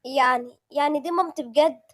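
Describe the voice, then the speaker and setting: A woman's voice: high voice, quick pace, fairly bright tone, dry recording, studio quality. A woman with an Egyptian accent voicing a frightened young wife who has lost her memory and stammers nervously. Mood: anxious. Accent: Egyptian Arabic.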